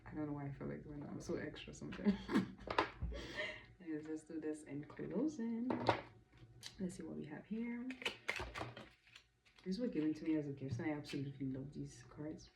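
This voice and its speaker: A Dominican woman from the Caribbean gives a casual spoken tarot reading, emphatic and chatty, repeating affirmations and adding playful asides. She has a low, animated voice with vocal fry, talks a little fast and pauses often, and the recording is very noisy.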